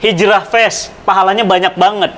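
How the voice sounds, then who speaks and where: A middle-aged man preaching in conversation, telling religious stories with dramatic swings in pitch and loudness and speaking straight to his listener. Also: fairly even intonation, normal speed. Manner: addresses listener directly, persuasive. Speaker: Islamic preacher. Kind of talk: animated religious storytelling in conversation.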